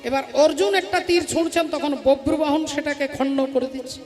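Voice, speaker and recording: A woman's voice: high-pitched, fast. A woman kirtan singer telling a devotional story to devout listeners, breaking into chanting between passages on a live stage. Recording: long hall reverb with loud music.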